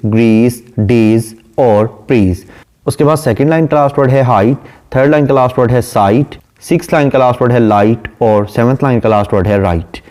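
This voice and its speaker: A man, lecturing on a poem and explaining it line by line, reading the verse slowly. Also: mid-range voice, a little mellow. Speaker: literature lecturer.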